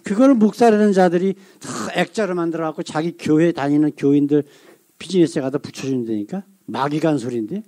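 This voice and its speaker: A male pastor delivering a sermon, asking the congregation rhetorical questions and reading scripture aloud slowly. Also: fairly high pitch, mellow.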